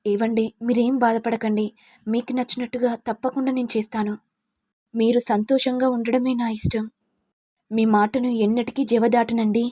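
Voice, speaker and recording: A grieving young wife who pleads softly, voiced by a woman storyteller, her voice fairly high. The sound is dry and close-miked. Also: no echo, close to an everyday voice. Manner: pleading, tearful. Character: tearful devoted young wife.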